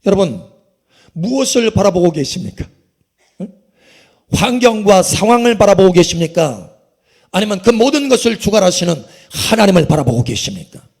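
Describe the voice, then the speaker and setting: A man's voice: big pitch swings, normal speed, gravelly, long pauses, darkish tone, slightly rough. A man preaching a sermon as pastor, with emphatic swells in his delivery. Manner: emphatic preaching, sweeping pitch swings.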